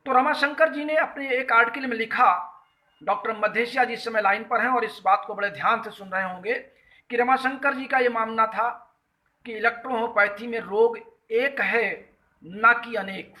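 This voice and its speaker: A man with a strikingly high, bright and forceful voice, speaking Hindi with an Uttar Pradesh accent. He hosts a live call-in talk, greets callers by name and earnestly explains an article point by point. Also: steady tone, normal speed, low-quality recording. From Uttar Pradesh, India. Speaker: host of a health talk show.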